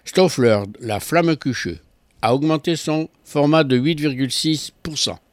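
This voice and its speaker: A man's voice: on the high side, a little slow, dry recording, clean studio sound. A man giving a consumer affairs column on local radio, explaining with ironic asides.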